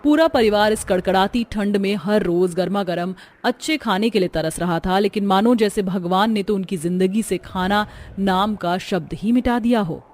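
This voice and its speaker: A woman giving steady, scripted narration for a cartoon story. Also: mid-range voice, moderate pace.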